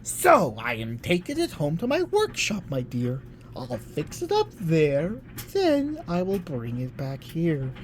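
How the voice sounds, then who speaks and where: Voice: mid-range voice, huge pitch swings, slow, slight background noise. Sly, gloating Grinch, as a narrator puts on. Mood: falsely sweet. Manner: slick, scheming, mock-sweet. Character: sly, gloating male green holiday-hating creature. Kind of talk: storybook character voice.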